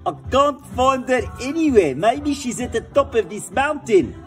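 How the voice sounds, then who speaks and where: A man's voice: extremely high pitch, expressive, a little slow. A man playing a melodramatic Ken doll. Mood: frantic. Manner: overwrought, theatrical. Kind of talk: comic amateur skit. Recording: faint music behind.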